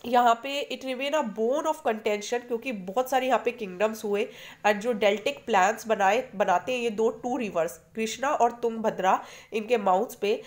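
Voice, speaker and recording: An Indian woman with a slightly high voice teaches a history lesson for exam prep, mixing Hindi and English. She explains things patiently and asks her students questions.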